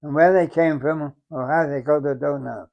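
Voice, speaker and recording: A very old English man, around a hundred, reminisces as a war veteran. His voice sits a little high for a man, and he talks in a halting, reflective way, circling back over phrases. The recording is somewhat dull and muffled. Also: steady tone, creaky. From England. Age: very old, around 100. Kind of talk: unhurried oral-history reminiscence.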